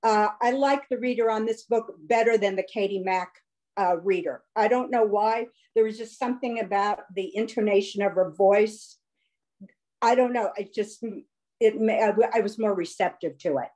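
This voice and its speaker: A woman's voice: medium pitch, moderate pace, darkish tone, low-quality recording. A woman in a casual online book discussion, speaking hesitantly and tentatively. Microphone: video call.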